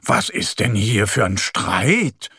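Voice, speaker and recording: A man voicing a calm, sensible mother bear in a children's story who speaks patiently and slowly. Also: fairly low pitch, husky, no echo, studio quality, exaggerated voice. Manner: patient, gently questioning.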